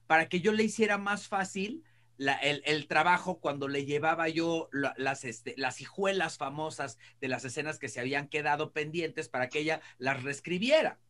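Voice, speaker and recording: Speaking over a video call mic from an indoor room, this Mexican-accented, middle-aged entertainment show panelist tells anecdotes in a casual chat. His voice is a little high, sounding pushed and bright.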